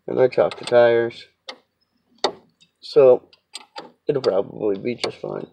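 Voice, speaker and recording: This is a casual car repair walkthrough from a home mechanic outside in a sloping yard, who chats, rambles and pokes fun at himself while sniffling through a stuffy cold. He talks slowly in a medium-pitched, gravelly, mellow voice with fairly even intonation. The audio is dull, with slight background noise.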